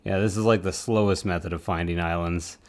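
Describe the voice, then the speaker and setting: This man speaks briskly in a low, steady voice. While working on his live stream, he chats casually and rambles, often mocking himself. He is a streamer supporting 3D print models.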